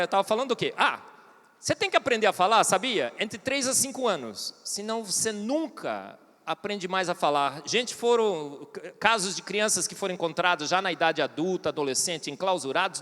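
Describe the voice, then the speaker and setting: A man's voice: high-pitched, a bit bright. A man with a Brazilian Portuguese accent giving a humorous, irreverent conference talk in a church, addressing the audience directly. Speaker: conference speaker. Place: large church hall. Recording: long hall reverb.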